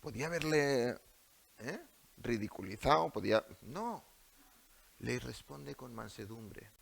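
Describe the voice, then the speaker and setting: A man's voice: medium pitch, very animated, slow, vocal fry. A male preacher with a Spanish accent delivering a sermon in a church, asking the congregation many rhetorical questions. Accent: Spain.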